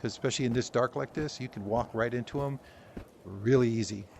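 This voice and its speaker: Gravelly man rambling over VR gameplay. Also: medium pitch, brisk, a little mellow. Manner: rambling, joking, self-deprecating. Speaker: VR game video creator. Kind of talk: casual gameplay commentary. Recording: noisy home recording.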